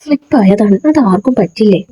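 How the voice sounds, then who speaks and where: A woman's voice: mid-range voice, expressive, normal speed, dark tone, breathy edge. A woman voicing a shy young woman in a storybook, plaintive and protesting.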